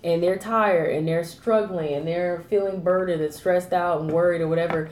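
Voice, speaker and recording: Woman, tarot reader, rambling monologue, warm low voice, echoey room. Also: fairly even intonation, moderate pace, slight background noise. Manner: rambling, repeats herself, lots of fillers.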